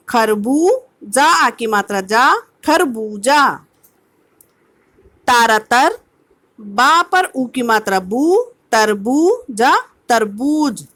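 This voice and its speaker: A woman's voice: high-pitched, sharp tone. A woman teacher giving an online kindergarten lesson, patiently sounding out words syllable by syllable. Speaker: primary school teacher.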